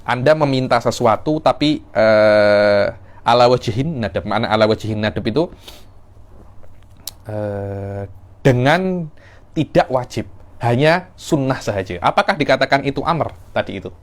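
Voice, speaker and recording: Man, teacher, explains with acted examples, middle pitch. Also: animated, measured pace. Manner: explains in a mix of Malay and Arabic terms, with acted examples. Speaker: teacher of Islamic legal theory. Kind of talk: classroom text lesson.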